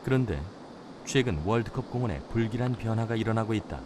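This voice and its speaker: A man giving scripted nature documentary narration in a measured, solemn storytelling manner. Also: on the low side, lively intonation, noisy background. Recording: music behind the voice. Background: background music.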